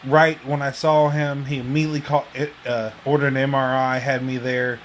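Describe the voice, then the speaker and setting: A man giving a casual personal update at home in a halting, rambling way, like a video blogger. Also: medium pitch, level tone, slight background noise.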